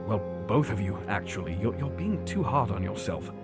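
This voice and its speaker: A man playing a loyal, reassuring gentleman doctor in an audio drama, speaking gently. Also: lowish voice, sing-song, normal speed. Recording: loud music under the voice.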